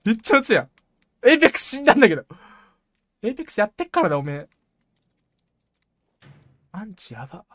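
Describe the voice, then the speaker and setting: A woman streamer talking to herself through a tense match in rough, slangy, excitable speech. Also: medium pitch, fast talker, pauses often. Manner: jumpy, excitable self-talk, rough slangy speech, frequent laughs. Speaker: game streamer. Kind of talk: live gameplay commentary.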